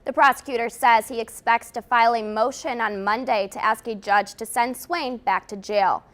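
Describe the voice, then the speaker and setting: A woman's voice: a little high, fairly even intonation, moderate pace, fairly bright tone. An American woman reading scripted television news as the anchor.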